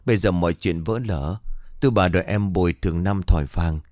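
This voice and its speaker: A man's voice: low voice, a little fast, darkish tone, no echo, clean studio sound, close to an everyday voice. A man voicing a desperate young official's wife who urgently begs for help. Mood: pleading. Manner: pleading, urgent.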